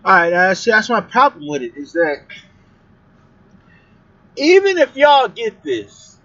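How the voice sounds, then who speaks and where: A man on a call makes his case in a loose, rambling way, blunt and profane. His voice sits high for a man. The sound is dull and lo-fi. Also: huge pitch swings, measured pace, a bit bright. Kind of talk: casual heated chat.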